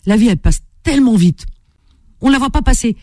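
A woman's voice: on the high side, lively intonation, brisk, darkish tone, no room sound, studio quality. A woman hosting a call-in radio show, chatting with callers in a playful, affectionate, teasing way.

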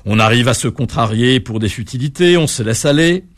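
A man narrating an animal folk tale in an expressive, measured way, lifting his voice at key moments. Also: medium pitch. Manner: expressive, measured telling with sudden lifts. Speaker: storyteller.

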